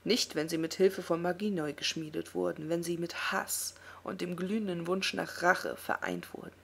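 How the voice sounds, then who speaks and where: A woman reading aloud and voicing a proud, vengeful male elf prince mage in a taunting, defiant way, in a husky voice. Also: on the low side, lively intonation, normal speed, full character voice. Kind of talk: audiobook reading.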